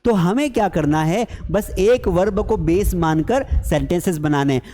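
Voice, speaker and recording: High-voiced man teaching English. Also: moderate pace, mellow, in a large hall. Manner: explains with everyday examples, repeats phrases for learners. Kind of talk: bilingual spoken English lesson.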